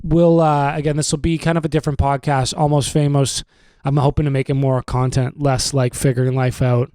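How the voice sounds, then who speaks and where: A man's voice: mid-range voice, level tone, a little fast, warm tone, clean tone, no room sound. Rambling young man, dry close sound. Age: 20s. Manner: rambling and joking, full of fillers. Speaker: podcast host. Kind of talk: casual chat. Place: room at home.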